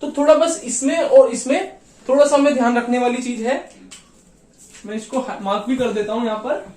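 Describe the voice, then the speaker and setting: A man teaching a beginners' lesson, patiently repeating each sound slowly. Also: very high-pitched, fairly even intonation, mellow. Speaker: language teacher. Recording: echoey room, mic far off.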